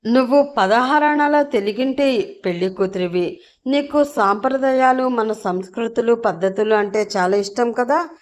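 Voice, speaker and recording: A woman's voice: mid-range voice, close to an everyday voice. A woman voicing a scheming, mocking wealthy woman villain in an audio story, speaking in a taunting, scornful way.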